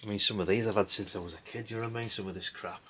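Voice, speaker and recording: Racing along in a low yet bright, forceful voice with fairly even intonation, a middle-aged man rambles bluntly and dryly while sorting old electronics as a hobbyist host. Expect tag questions, mild swearing, and the clicks and clinks of handled parts amid background noise.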